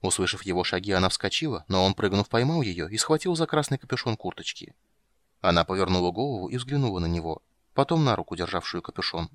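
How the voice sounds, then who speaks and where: A man narrating an audiobook in a steady, measured storytelling manner. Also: sits low, dry recording. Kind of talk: scripted narration.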